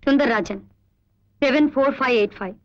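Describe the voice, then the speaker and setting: An actress playing a police officer in a film, talking in a firm, impatient way. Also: female voice, high-pitched, normal speed, lightly acted. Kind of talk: film dialogue. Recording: dull lo-fi film audio with music.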